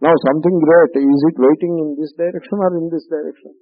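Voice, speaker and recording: Male spiritual lecturer, South Indian accent, slightly rough husky voice, halting and repetitive for emphasis, dry narrowband recording. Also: a little high, fairly even intonation, no room sound. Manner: repeats phrases for emphasis, halting explanatory delivery. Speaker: spiritual teacher. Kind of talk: spiritual discourse to a class.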